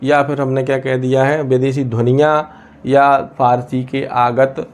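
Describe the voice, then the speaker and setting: A man teaching a lesson from India, pausing often and asking questions he then answers himself. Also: mid-range voice, flat delivery. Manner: asks and answers his own questions, many hesitations. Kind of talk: explaining a lesson.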